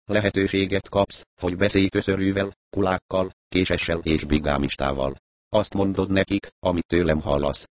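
A man's voice: deep voice, steady tone, dry recording, natural voice. A man voicing a stern, blunt prison director who gives coarse orders. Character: stern middle-aged male prison director.

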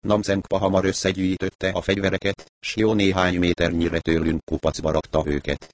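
A man reading a novel aloud as an audiobook narrator, with a calm, even storytelling manner. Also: low-pitched. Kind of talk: scripted narration.

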